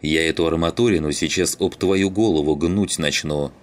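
A gruff middle-aged train driver who gives orders and threats, as a man reads him. The voice stays low and heavy, blunt and commanding. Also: moderate pace. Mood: stern.

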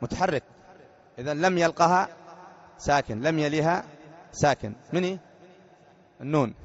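A man's voice: a little high, moderate pace. A man teaching a grammar lesson as a sheikh, repeating each point and putting short questions to his students. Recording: dull lo-fi lecture recording.

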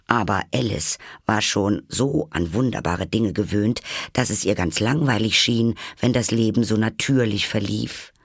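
A man narrating a classic children's story in a measured storytelling manner. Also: fairly low pitch, no room sound, studio quality. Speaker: audiobook narrator.

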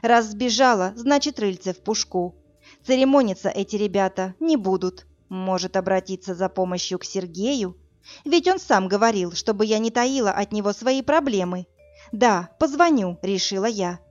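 A woman narrating a first-person audiobook in a steady, plain storytelling manner, in a slightly muffled recording. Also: mid-range voice, normal speed, soft background music.

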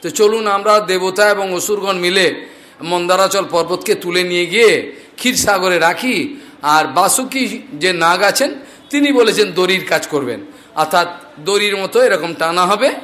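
A man playing a flattering humble envoy. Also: high-pitched, normal speed. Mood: persuading. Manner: polite, flattering, persuasive. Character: humble male god-envoy flattering a demon king.

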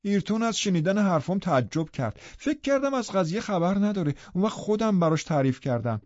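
A man doing a gossipy high-voiced village housekeeper. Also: very animated, darkish tone, dry recording, highs cut off. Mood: chatty. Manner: gossipy, breathless chatter, raised voice. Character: chatty village housekeeper woman, gossipy, fussing.

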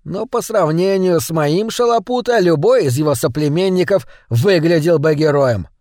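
A man's voice: a little high, normal speed, a little mellow, no echo, clean studio sound, natural voice. A man playing a cruel, short bullying master who barks and sneers at his servant. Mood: sneering. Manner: barking, sneering and mocking.

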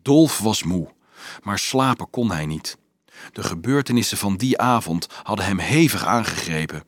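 Low-voiced man reading a storybook. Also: no room sound, clean studio sound. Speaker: audiobook reader. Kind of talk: reading a children's novel aloud.

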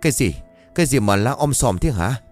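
A man playing a blunt, gruff older village man who is quick to dismiss things. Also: mid-range voice, expressive, faint music behind, close to an everyday voice. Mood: puzzled.

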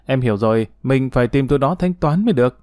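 A man voicing an impulsive, cheeky young man who speaks eagerly and excitably in an audiobook story. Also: mid-range voice, fast talker, dry recording, clean studio sound, lightly acted.

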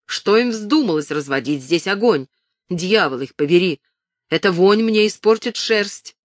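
A woman voicing a frightened, flustered older male merchant who shouts and pleads in panic. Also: sits high, expressive, measured pace, no echo, clean studio sound. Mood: irritated.

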